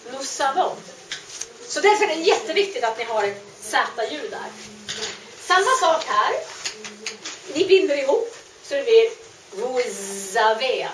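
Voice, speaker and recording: A woman teaching French grammar, explaining patiently and repeating each word slowly. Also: sits high, a little hiss or hum. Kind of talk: grammar lesson. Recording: echoey room, mic at a distance.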